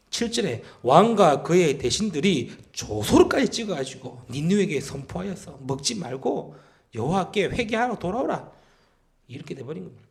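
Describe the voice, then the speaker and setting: Animated Korean pastor preaching. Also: male voice, on the high side, creaky. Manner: animated preaching, reads scripture aloud, asks the congregation questions; chuckles to himself now and then. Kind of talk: sermon. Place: church sanctuary.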